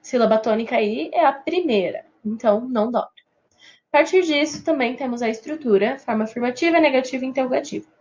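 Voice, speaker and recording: A woman's voice: high-pitched, fast, darkish tone. Brazilian woman teaching English grammar. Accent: Brazilian Portuguese. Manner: patient explaining, checks in with students often. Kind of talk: recorded grammar lesson.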